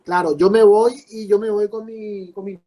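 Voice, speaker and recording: A man's voice: high-pitched, fairly even intonation, moderate pace, warm tone, low-quality recording. A man teaching a class, explaining with repeated rhetorical questions. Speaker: law teacher. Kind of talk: class lecture.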